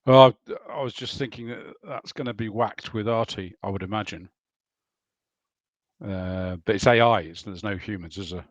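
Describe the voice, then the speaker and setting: A man's voice: fairly low pitch, moderate pace, no room sound. A man chatting casually about tactics over a game headset. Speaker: player.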